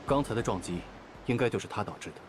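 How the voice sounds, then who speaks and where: An actor voicing a calm, composed male investigator who speaks in a steady, reassuring way in a story game. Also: on the low side, racing, lightly acted. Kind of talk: game voice acting. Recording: game audio with music behind.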